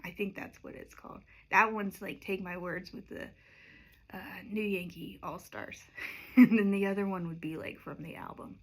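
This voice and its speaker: A woman's voice: mid-range voice, fairly even intonation, moderate pace. A woman singer-songwriter chatting casually and unhurriedly between songs, rambling with lots of fillers. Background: acoustic guitar.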